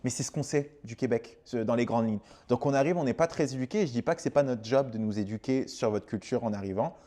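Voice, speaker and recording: A man's voice: medium pitch, fast talker, warm tone. A man from France in his thirties with a French accent, talking frankly in a casual explanatory monologue, with frequent fillers and repeated words. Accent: French, slightly Québécois-tinged. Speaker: host.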